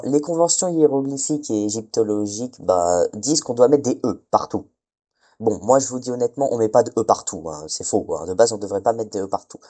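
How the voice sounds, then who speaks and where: A man's voice: on the low side, warm tone. A man giving a casual spoken lesson, hesitant, often stumbling and correcting himself. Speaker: teacher.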